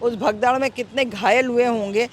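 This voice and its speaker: A woman's voice: a little high, steady tone, normal speed, a little hiss or hum. A woman answering a street interview outdoors, emphatic and indignant, often asking "right?" as she makes her points.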